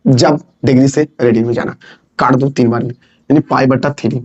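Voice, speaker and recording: A man's voice: mid-range voice, steady tone, normal speed, a little mellow. A man teaching physics, teasing and scolding his students and repeating phrases over and over. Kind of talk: classroom lesson. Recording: dull lo-fi sound.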